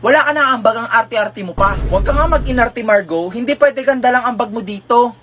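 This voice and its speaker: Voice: mid-range voice, a little fast, a crowd in the background. A performer doing brash, teasing comic skits, switching between school and shop characters with slangy back-and-forth. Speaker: comedy skit creator playing every part.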